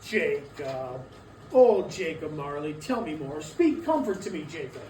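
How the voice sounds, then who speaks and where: A man's voice: on the high side, very animated, unhurried, mellow, recorded from a distance. Guy doing a jittery old miser, stammery n querulous, swoops up and down, echoey noisy room. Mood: pleading. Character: frightened, skeptical old miser, pleading and querulous. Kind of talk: dramatic stage reading.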